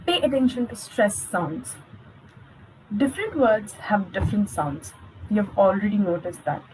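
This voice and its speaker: A young woman with a medium-pitched, somewhat dark voice speaks a little slowly but with animation, coaching spoken English in an encouraging online lesson aimed straight at her viewers. The recording is low quality, with slight hiss or hum.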